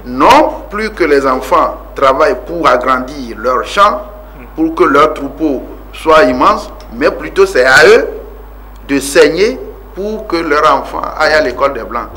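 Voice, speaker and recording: A man in his forties from Togo talks about his life as a guest politician on television. His voice sits a little high and sounds sharp and expressive, delivered unhurriedly. He comes across as earnest, with plenty of fillers and emphasis that keeps rising.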